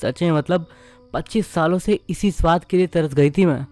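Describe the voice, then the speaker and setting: A man's voice: on the high side, normal speed, a little mellow, faint music behind, natural voice. A man voicing a young woman newly returned home from years abroad, affectionate, chatty and easily puzzled.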